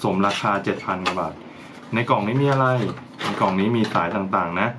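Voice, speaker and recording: A man's voice: lowish voice, fairly quick, noisy background. A man talking casually as he unboxes and tries out gear for his channel, thinking aloud as he goes. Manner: chatty, thinks aloud while handling gear. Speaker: vlogger reviewing gear.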